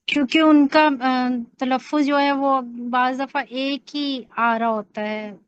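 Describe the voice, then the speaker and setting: A woman's voice: high-pitched, steady tone, clear, resonant tone, lo-fi sound. A woman student answering a teacher's question in an online class, hesitant and searching for words.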